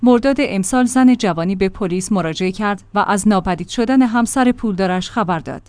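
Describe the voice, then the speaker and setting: A woman reading a crime news report in a measured, formal narration. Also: medium pitch, a little mellow, clear, resonant tone, dry recording.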